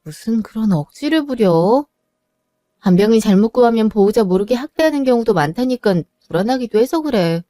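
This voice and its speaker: A woman's voice: on the high side, lively intonation, fairly quick, mellow, no room sound, clean studio sound, close to an everyday voice. A woman voicing a cold, selfish middle-aged husband who talks curtly and dismissively. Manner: curt, dismissive. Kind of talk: narrated drama voice acting.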